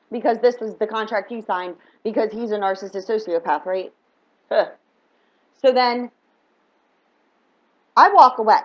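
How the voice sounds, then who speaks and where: Fired-up woman telling a story, lo-fi. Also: medium pitch. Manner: fired up, emphatic, reenacts dialogue. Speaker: spiritual reader and vlogger. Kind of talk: heated personal storytelling. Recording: dull lo-fi sound.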